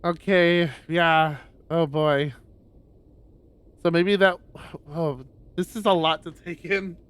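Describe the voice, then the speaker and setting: A man streaming a visual novel, reading the story aloud in a lowered voice with loud reactions. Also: steady tone, slow pace, smooth. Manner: reads narration in a lowered voice, reacts with loud exclaims. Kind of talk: reading a story game aloud with chatty asides.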